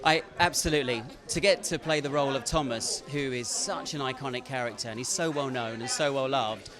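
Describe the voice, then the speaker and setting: A man answering earnestly and warmly about his role, interviewed at an outdoor film premiere. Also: medium pitch, fairly quick. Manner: earnest and gushing. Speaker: interviewed voice actor. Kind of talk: red-carpet interview. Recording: busy outdoor event crowd. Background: crowd chatter.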